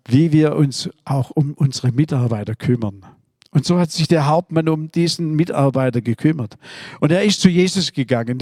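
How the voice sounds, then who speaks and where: A man's voice: on the high side, mellow, no room sound, studio quality. A man preaching a sermon, earnestly retelling Bible stories. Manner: earnest, storytelling, with fillers and restarts.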